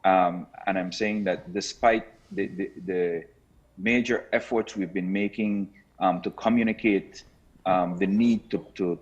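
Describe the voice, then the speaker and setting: A man with a low, husky voice comes through a buzzy, glitchy call line that sounds muffled and lo-fi. He speaks in a measured, earnest way, with many ums and restarts. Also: darkish tone. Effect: buzzy, glitchy remote call audio that cuts out. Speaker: government health minister. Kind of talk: live interview over a remote call.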